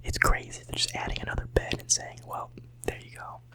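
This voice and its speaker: Whispering close to the microphone at home, this late-teen ASMR creator rambles casually and gently repeats words. Their voice is slightly hoarse from being a bit sick, and they talk a little fast.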